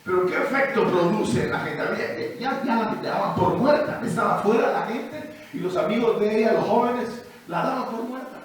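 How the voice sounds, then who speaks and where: A male pastor preaching and telling stories, going from quiet asides to shouted declarations, with a Peruvian Spanish accent. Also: sits high, animated, moderate pace, few pauses. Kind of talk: sermon with testimony. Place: church hall. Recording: echoey church hall, distant mic.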